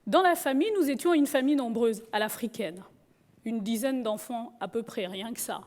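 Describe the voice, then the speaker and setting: A woman's voice: a little high, moderate pace, a little mellow. A woman from Gabon, telling her life story with humor. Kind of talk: personal storytelling talk.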